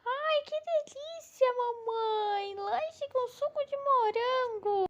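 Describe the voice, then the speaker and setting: A sweet little girl doll with a very high, childlike voice that turns whiny and pleading, as a woman puts her on. She talks slowly, and the recording is slightly dull with a faint hiss. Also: a bit bright, exaggerated voice.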